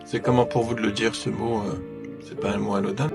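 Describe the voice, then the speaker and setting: A man hosting a therapeutic interview, gently probing and reflecting back what he has been told. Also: fairly low pitch, fairly even intonation, fairly quick, over music. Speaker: host counselling a guest.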